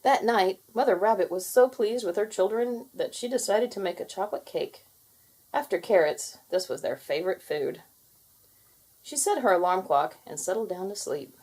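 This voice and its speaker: A woman with a mid-range, husky voice narrates a children's storybook, reading aloud expressively and deliberately.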